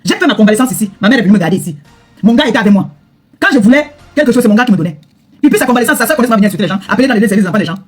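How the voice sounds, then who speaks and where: Middle-aged woman influencer, rapid-fire and husky, confrontational rant to camera, repeats her retorts, faint music underneath. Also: a little high. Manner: heated, repetitive, confrontational retorts. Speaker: social media influencer. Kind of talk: angry direct-to-camera rant.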